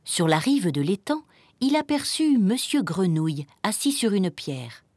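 Expressive woman reading a children's story. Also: medium pitch, unhurried, faint music behind. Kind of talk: reading a children's picture book aloud.

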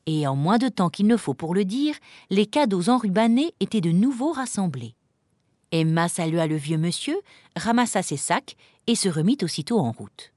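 A woman narrating a children's Christmas story aloud in an expressive, lively storybook reading. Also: medium pitch, normal speed, dry recording. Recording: dry close recording.

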